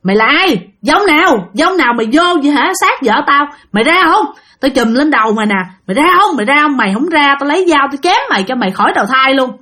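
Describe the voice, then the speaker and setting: A woman playing a blunt middle-aged husband who scolds gruffly. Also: a little high, animated, fast talker, fairly bright tone. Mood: furious.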